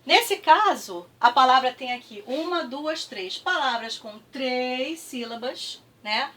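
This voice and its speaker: A woman's voice: high voice, expressive, bright, forceful tone, distant mic. A woman with a Brazilian Portuguese accent teaching a review lesson, patient and checking in often with her students. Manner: patient, repeats words slowly with clapping, frequent "tá?" checks.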